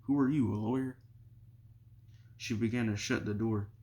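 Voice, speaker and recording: A man with a fairly low voice reads a novel chapter aloud. He keeps a plain, steady delivery and barely changes his voice between characters. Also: normal speed. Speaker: audiobook reader.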